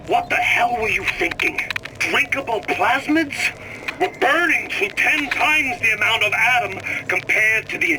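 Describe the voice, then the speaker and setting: Angry, high-pitched boss, noisy recording. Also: male voice, heavily acted. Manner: angry, scolding, bossy. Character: angry male boss berating his scientist. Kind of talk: video game recorded message acting.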